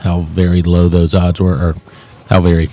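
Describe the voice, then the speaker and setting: Deep-voiced man with dry teasing humor. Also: level tone, normal speed, warm tone. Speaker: podcast co-host. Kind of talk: casual chat.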